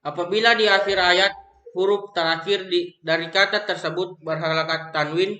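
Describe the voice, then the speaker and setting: A young man with an Indonesian accent reads a lesson on recitation rules aloud, slowly and haltingly, often restarting words. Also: high-pitched, fairly even intonation, pushed and bright. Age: young adult. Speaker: student presenting an assignment. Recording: echoey room.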